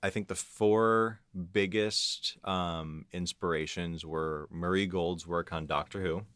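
This guest composer and audio engineer has a low, smooth, fairly bright voice and talks slowly in a steady tone. Chatting casually about behind-the-scenes work, he hesitates and starts over while thinking aloud, captured in a dry recording.

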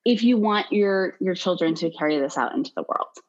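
A woman's voice: fairly low pitch, lively intonation, a little fast, muffled recording. A woman as a podcast guest, explaining things animatedly and acting out quoted voices. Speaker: podcast guest, consent educator. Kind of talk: podcast interview.

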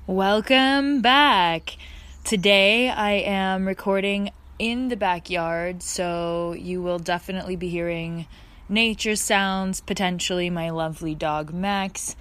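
A woman's voice: on the low side, fairly even intonation, unhurried, fairly bright tone, clean tone. A woman hosting a casual, reflective podcast from her backyard, speaking in an earnest, effusive way. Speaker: podcast host. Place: outdoors in a backyard.

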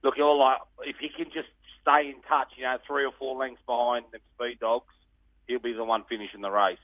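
Australian man, mid-pitched voice, laid-back tradie manner, colloquial interview talk, narrow phone sound, dry. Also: level tone, fairly quick, dry recording. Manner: laid-back Aussie tradesman way of talking, plain and colloquial. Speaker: greyhound trainer, interview guest.

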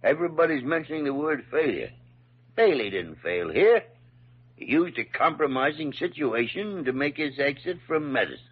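An actor playing a gruff, blustery senior doctor in a classic radio drama, with a raspy voice and emphatic delivery. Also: male voice, fairly high pitch, sing-song, normal speed. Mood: probing, exasperated. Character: gruff senior doctor, mentor to a younger colleague. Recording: muffled old radio recording.

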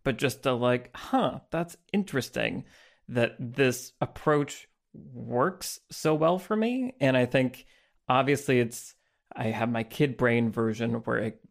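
A man co-hosting a podcast who talks thoughtfully about films and turns to his co-hosts by name. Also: mid-range voice. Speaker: podcast co-host. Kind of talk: casual film discussion.

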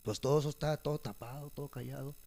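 A man's voice: mid-range voice, quick pace, creaky. A young man, telling a story in a casual chat and mixing English words into his slang. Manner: animated, mixes English words into Spanish slang.

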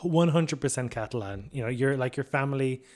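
A man's voice: mid-range voice, a little fast. A man hosting a documentary interview podcast, asking questions with frequent restarts and hesitations. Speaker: podcast host.

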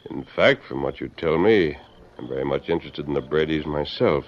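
The Lone Ranger, an extremely deep-voiced hero. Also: male voice. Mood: calm. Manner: calm, measured, authoritative. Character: calm, commanding masked male hero. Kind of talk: 1940s radio acting. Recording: dull old radio broadcast recording.

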